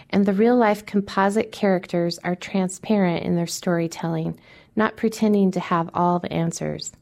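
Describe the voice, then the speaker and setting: A woman's voice: mid-range voice, a little mellow. A woman introducing a book, reading it out as a scripted presentation that slips into storytelling.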